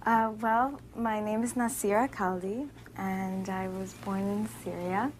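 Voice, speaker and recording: A woman plays an earnest young teacher from Brooklyn. She speaks slowly and hesitantly, with many pauses. A faint hiss sits under the dialogue. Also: mid-range voice, natural voice. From Brooklyn, New York.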